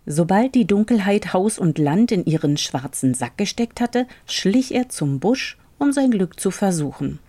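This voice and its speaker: A woman reading a fairy tale aloud in a calm, measured storytelling manner. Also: mid-range voice.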